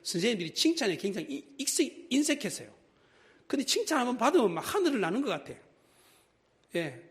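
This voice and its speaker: Male pastor preaching in church; high, swooping delivery. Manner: animated preaching, acts out quoted voices. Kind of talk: sermon. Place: church sanctuary.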